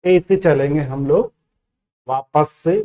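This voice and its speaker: A man's voice: fairly high pitch, slow pace, dark tone. A man teaching beginner phonics, repeating each letter sound again and again and checking in often. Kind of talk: beginner phonics lesson in Hindi.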